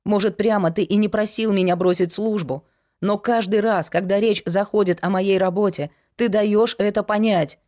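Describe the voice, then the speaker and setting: A woman's voice: medium pitch, steady tone, moderate pace, warm tone, lightly acted. A woman voicing a young woman, a frank and resolute investigator, in an audiobook. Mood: firm.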